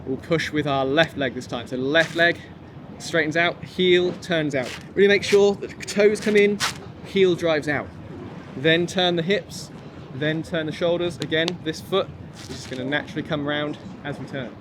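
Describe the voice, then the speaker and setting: Higher-voiced man coaching exercise over outdoor noise. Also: moderate pace. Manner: encouraging, informal, clear step-by-step commands. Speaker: kung fu instructor. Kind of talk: instructional exercise class, counting and cueing. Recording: noisy outdoor recording with traffic ambience.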